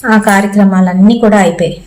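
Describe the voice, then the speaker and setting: A woman's voice: medium pitch, steady tone, fast, a little mellow, rough recording. Woman telling a horror story, chatty. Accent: Telugu. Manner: conversational, acts out quoted lines in her own voice. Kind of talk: casual storytelling narration.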